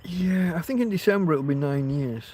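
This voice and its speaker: This livestream host has a somewhat high, dark-toned voice and talks at a normal speed. His chatter to viewers drifts from topic to topic with many restarts, broken by a slight cough from a throat tickle.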